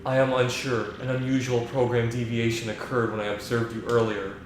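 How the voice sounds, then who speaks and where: A man doing a flat monotone lab computer. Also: medium pitch, a little fast, heavy reverb, background noise, lightly acted. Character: monotone male lab computer, stiff and smitten. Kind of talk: reading game dialogue aloud.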